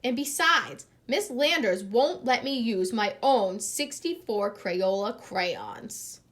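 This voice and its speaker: A woman's voice: fairly high pitch, very animated, slow pace. A woman voicing an earnest, stubborn first grade boy in a storybook, speaking up emphatically. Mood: determined. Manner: protesting, emphatic.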